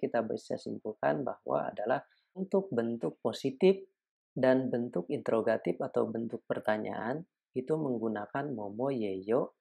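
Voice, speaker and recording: Guy teaching grammar real slow, gravelly voice, says every example twice. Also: mid-range voice, darkish tone. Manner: careful, repeats each example slowly. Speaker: Korean language teacher.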